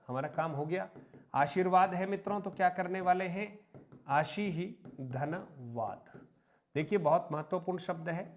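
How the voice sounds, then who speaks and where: A man with a fairly high voice teaches an online grammar lesson. He dictates example words slowly and repeats each one. He keeps asking his students questions and then answers them himself. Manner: slow, repetitive dictation of example words, often addressing "मित्रों".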